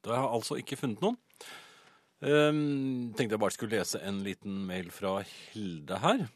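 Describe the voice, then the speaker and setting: A man co-hosting a comedic radio show in a studio, telling stories in a deadpan, hesitant way. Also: on the low side, no room sound. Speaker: radio host. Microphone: studio microphone.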